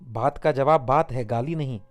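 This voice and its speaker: A man's voice: mid-range voice, moderate pace, close to an everyday voice. Man doing an officious village clerk. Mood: lecturing. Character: middle-aged village record keeper, officious.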